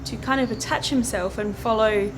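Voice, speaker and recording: A woman's voice: a little high, moderate pace, background noise. A woman talking to camera as the host of a paranormal investigation vlog, moving between narration and casual chat. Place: outdoors at night on camp grounds.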